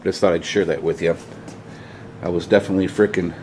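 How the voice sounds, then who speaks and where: Background noise surrounds this low-pitched, fairly quick speaker, whose intonation stays fairly even. He's a DIY vlogger filming step-by-step instructions on a handheld camera he holds, speaking informally and a bit saltily by a pickup truck in his garage.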